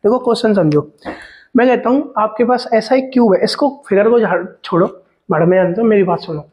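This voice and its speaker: A man with a high voice leads a maths lesson, talking his way through each calculation. He fires questions at his students and answers them himself, calling them "beta" as he goes. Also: fairly quick, dull audio. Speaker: maths teacher. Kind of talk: explaining step-by-step calculations on a board.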